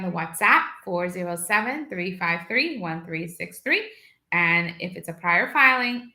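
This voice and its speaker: A woman from Guyana, a lawyer hosting a live video question session from her office, answering viewers briskly and reading out phone numbers slowly. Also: on the low side, sharp tone, reverberant, low-quality recording. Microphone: video call setup.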